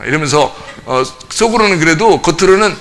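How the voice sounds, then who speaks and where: A man's voice: on the high side, a little fast. A male pastor teaching a casual Bible study, asking his group questions and acting out scenes from the text. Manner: animated, acts out scenes, asks the group questions. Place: church.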